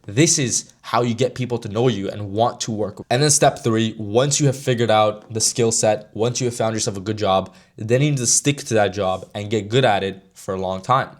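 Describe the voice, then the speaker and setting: A man of about twenty giving a brash motivational talk to camera as a sales mentor, casual and slangy. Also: lowish voice. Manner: brash, slangy, straight-talking.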